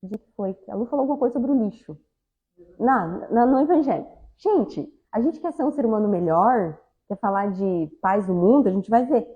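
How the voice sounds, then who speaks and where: A woman's voice: medium pitch, animated, moderate pace, phone-quality sound. A woman giving a spiritist talk, speaking conversationally and often addressing the audience directly. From southern Brazil. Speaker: lecturer at a spiritist center.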